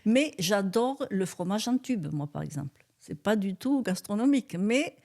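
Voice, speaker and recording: A woman's voice: medium pitch, animated, moderate pace, darkish tone. An older woman with a southern French accent, telling stories as a guest in a chatty way with frequent laughs. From Tarn, southern France. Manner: chatty, laughs often, colloquial fillers. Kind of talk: relaxed storytelling interview.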